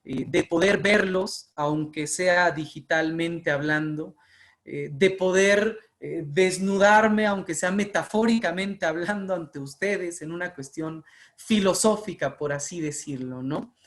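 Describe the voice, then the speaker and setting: A man's voice: high-pitched, measured pace, a bit bright. A man with a Mexican Spanish accent giving an impassioned online lecture on public speaking, building emphatic repeated phrases over a video call. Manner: impassioned, emphatic, rhetorical repetition. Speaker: oratory workshop speaker.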